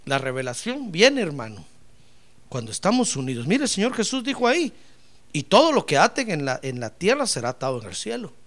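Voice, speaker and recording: A man preaching a lively sermon as pastor, acting out little dialogues and swinging from loud to soft. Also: on the high side, brisk.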